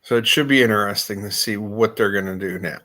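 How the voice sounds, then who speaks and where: A man's voice: fairly low pitch, bright, forceful tone. A man co-hosting a casual wrestling podcast, mostly chiming in with short agreements. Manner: short agreeing replies between unhurried remarks. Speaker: podcast co-host.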